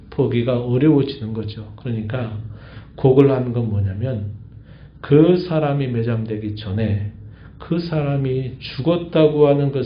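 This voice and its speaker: Korean pastor preaching in an echoey church. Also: male voice, medium pitch. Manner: explanatory preaching, asks the congregation questions and answers them. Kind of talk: sermon. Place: church sanctuary. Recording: echoey church, dull lo-fi sound.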